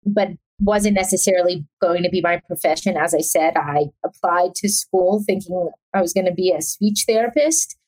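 A woman's voice: lowish voice, moderate pace, darkish tone, poor audio. A young adult woman from South Africa, a chef talking as a guest in a casual interview, chatty and rambling with many fillers.

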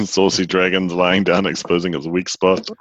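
A man's voice: low voice, flat delivery, normal speed, fairly bright tone, no echo. A man bantering casually as a player in a tabletop role-playing game, on a dull recording.

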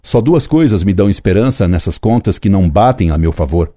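Old teacher guy, really low mellow voice, slow solemn reading, long pauses. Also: lively intonation, no echo, studio quality. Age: 70s. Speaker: history teacher. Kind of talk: reflective scripted narration.

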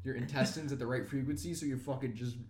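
A man's voice: mid-range voice, steady tone, fast. A man joking around in crude banter on a casual podcast in an apartment. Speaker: podcast co-host. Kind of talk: casual chat. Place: apartment room. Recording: roomy with faint noise.

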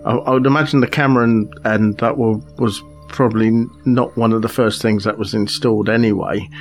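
A man's voice: lowish voice, fairly even intonation, brisk, soft background music. A man hosting a casual science news chat. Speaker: show host.

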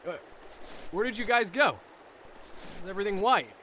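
A man's voice: high-pitched, lively intonation, moderate pace, bright, forceful tone, a little hiss or hum. A man playing a dim-witted, cheerful soldier who talks in an oblivious, dopey way, in a comedic audio drama.

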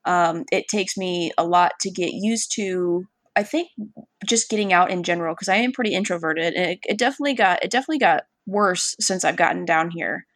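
A woman's voice: lowish voice, fairly quick, fairly bright tone, no echo, studio quality. A woman from Washington State in a casual chat with a friend, blunt and swearing freely, laughing often. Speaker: friend chatting.

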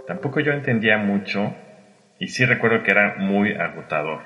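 A man's voice: on the low side, expressive, normal speed, lo-fi sound, music in the background. A man, reflectively recounting his experiences after emigrating. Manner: reflective, mimics English phrases he heard. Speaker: interviewee. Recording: long reverb.

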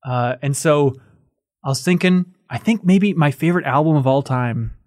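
Animated podcast host, fairly high male voice. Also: normal speed, dry recording, clean studio sound. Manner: animated, playful, acts out quotes. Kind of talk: casual chat about music. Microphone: studio microphone.

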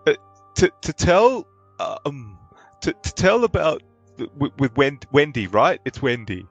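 Man putting on a timid stammering villager, raised slow voice, soft music under it. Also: on the high side, big pitch swings, highs cut off, pitched above the performer's own voice, exaggerated voice. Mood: flustered. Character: shy bashful young male villager.

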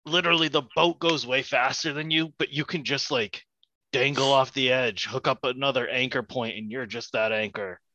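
A man's voice: medium pitch, fairly even intonation, normal speed, bright, forceful tone, no echo. A man chatting casually as a player in a tabletop game, on a slightly dull, dry recording.

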